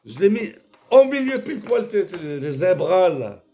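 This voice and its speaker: A man rambling in a casual, vulgar monologue, jumping between mumbles and shouts. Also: sits high, big pitch swings, moderate pace, a little hiss or hum.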